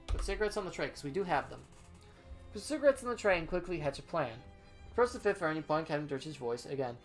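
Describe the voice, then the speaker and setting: A man's voice: on the high side, animated, fast talker. Man narrating a game playthrough over music. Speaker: game player reading the game aloud. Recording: music behind the voice.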